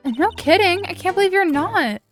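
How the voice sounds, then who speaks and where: A woman voicing an excitable young female sidekick, reading game lines with eager, exclaiming questions. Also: very high voice, normal speed, faint music behind, pitched above the performer's own voice. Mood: anxious. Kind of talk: reading game dialogue aloud.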